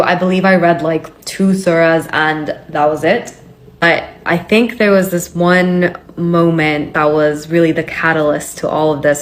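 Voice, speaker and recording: A young woman from Hong Kong, a vlogger telling her personal story in a candid, chatty way with many fillers. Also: lowish voice. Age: young adult.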